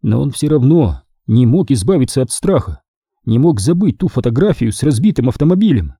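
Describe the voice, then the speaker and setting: A man narrating an audiobook with expressive storytelling. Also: mid-range voice, a little fast, husky, dry recording, clean studio sound.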